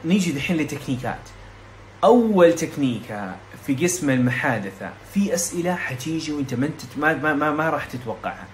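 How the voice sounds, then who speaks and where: In a medium-pitched voice, a young Saudi tutor runs through exam material in a relaxed lesson, talking rapidly, restarting often and using English terms along the way. A slight hiss or hum sits under the recording.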